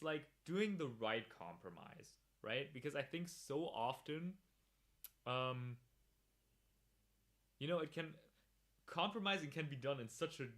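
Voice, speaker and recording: A man's voice: medium pitch, fairly bright tone. A man hosting a livestream podcast, chatting casually, laughing often and reacting to viewers in chat.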